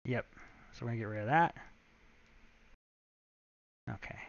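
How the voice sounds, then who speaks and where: A man's voice: mid-range voice, unhurried, gravelly, lo-fi sound. A man, a game developer, chatting casually and thinking aloud as he walks viewers through his work on a live stream.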